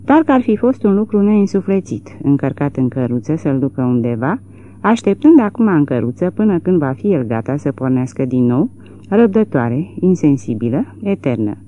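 A woman with a low, dark voice narrates a novel, and her reading is measured and expressive, with lively swings in pitch. The recording sounds slightly dull and lo-fi. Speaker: audiobook narrator. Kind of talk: literary audiobook narration.

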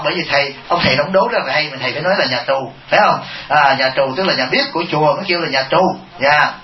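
A male monk teacher preaches in a high, bright voice, joking with his listeners and throwing them rhetorical questions. The sound is roomy and a little muffled, as if recorded in a reverberant temple hall. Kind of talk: humorous dharma talk.

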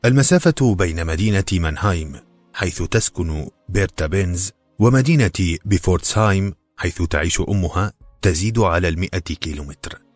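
A man with a very low voice reads a novel aloud in measured, scripted storybook narration. The recording is dry and close, and faint music plays underneath. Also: lively intonation, no room sound. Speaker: audiobook narrator.

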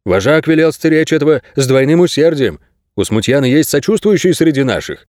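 Man putting on a jittery high-voiced prison guard. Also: sing-song, a little mellow, no echo, studio quality. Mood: stubborn, flustered. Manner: hesitant, stubborn, quick. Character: nervous young male prison guard. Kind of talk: audiobook character voice.

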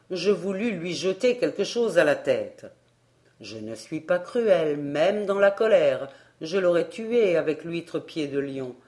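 Expressive woman reading a tale aloud. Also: fairly low pitch. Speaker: audiobook narrator. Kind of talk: storybook narration.

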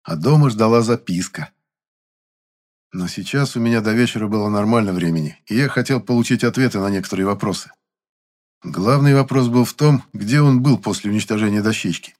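A man narrating a first-person audiobook in an even, dry storytelling manner. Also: fairly low pitch, brisk.

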